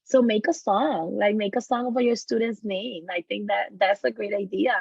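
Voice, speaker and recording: A woman educator speaking in an online session, encouraging and a little halting. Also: mid-range voice, steady tone, vocal fry, darkish tone, breathy edge, dry recording. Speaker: educator, presenter. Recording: dry, muffled lo-fi audio.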